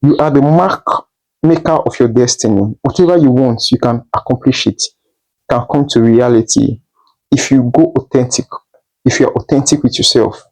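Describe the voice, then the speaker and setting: A man's voice: medium pitch, normal speed, darkish tone, poor audio. A man doing a tarot reading, speaking straight to the listener in a repetitive, reassuring way. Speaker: tarot reader.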